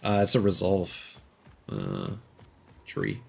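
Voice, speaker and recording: A young streamer offers casual gameplay commentary, meandering through plenty of filler words and reading item descriptions out loud. He speaks slowly in a low, sing-song voice with vocal fry and a darkish, slightly rough tone.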